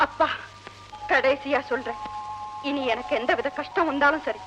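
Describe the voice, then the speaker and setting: A woman's voice: sits high, moderate pace, muffled recording, over music, close to an everyday voice. A woman playing a married daughter who pleads tearfully with her father, then proudly cuts ties, in 1960s Tamil film acting. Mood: defiant.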